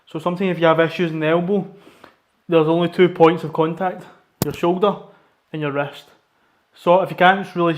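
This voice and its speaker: A man chatting casually in a workout vlog, plain-spoken and a bit self-deprecating. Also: fairly high pitch. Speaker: fitness vlogger. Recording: echoey room.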